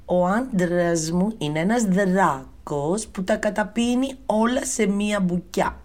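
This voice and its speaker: A woman voicing the giant's wife, a huge, worried woman who speaks loud and urgent. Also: medium pitch, pitched above the performer's own voice, close to an everyday voice. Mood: warning.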